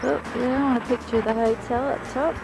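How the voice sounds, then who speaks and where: A woman with a fairly high voice narrates a van trip with wry, gently mocking remarks. The sound has the worn quality of an old VHS camcorder tape, with clear music behind her. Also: fairly even intonation, quick pace, poor audio. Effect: old VHS camcorder tape audio. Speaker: traveller narrating a road trip. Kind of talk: casual home-video narration. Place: in a van on mountain roads. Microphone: camcorder mic.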